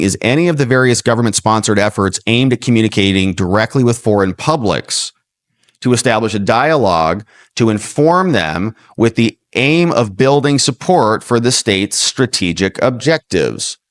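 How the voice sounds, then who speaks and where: On his livestream show, an American host comments on the news between played clips, voicing strong opinions and asking rhetorical questions. The studio-quality recording is dry, and his pitch is medium.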